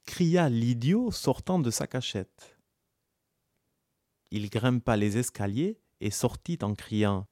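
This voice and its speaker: A man narrating a folk tale in a calm, measured storytelling manner. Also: mid-range voice, no echo, clean studio sound.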